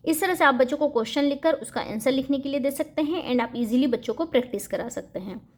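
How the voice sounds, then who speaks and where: A young woman hosting a homeschooling channel, explaining English practice worksheets for young children in a steady teaching manner and reading the English questions out slowly and clearly. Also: high-pitched.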